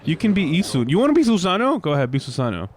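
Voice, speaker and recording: A man's voice: fairly high pitch, huge pitch swings, rapid-fire. A man co-hosting a gaming podcast, giving casual, joking, rambling commentary while playing.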